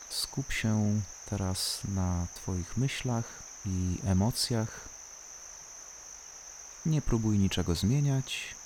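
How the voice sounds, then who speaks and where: A calm, soothing voice guiding a body-scan relaxation, unhurried and leaving long pauses between short instructions. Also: low-pitched, a little hiss or hum. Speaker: guided relaxation narrator. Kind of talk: slow guided body-scan meditation.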